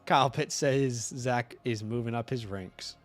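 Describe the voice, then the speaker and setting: A man's voice: mid-range voice, measured pace, soft background music. Rambling young man on a live draft stream. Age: 20s. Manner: rambling, thinks aloud, counts out loud. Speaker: co-host. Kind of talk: casual livestream chat.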